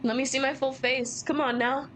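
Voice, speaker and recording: A woman's voice: high voice, little pitch movement, moderate pace, fairly bright tone, slight background noise. A woman streaming a game with playful, casual commentary, reacting aloud and reading text as she goes.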